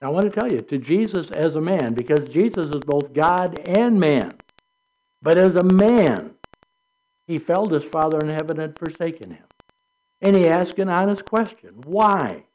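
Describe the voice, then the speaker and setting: A man's voice: a little high, animated, moderate pace, a little mellow, low-quality recording. An older man preaching a sermon in a conversational way, asking rhetorical questions. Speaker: pastor.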